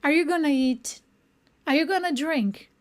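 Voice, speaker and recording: A woman with a high, bright speaking pitch gives an online English lesson in speech. She keeps checking in with her listeners and slows down whenever she models an English phrase. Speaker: English teacher.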